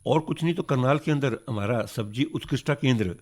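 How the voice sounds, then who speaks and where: A man's voice: mid-range voice, brisk. A North Indian man with a mid-range voice gives phone-in advice. He is courteous and instructive, laying out steps and repeating what matters. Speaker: agriculture expert.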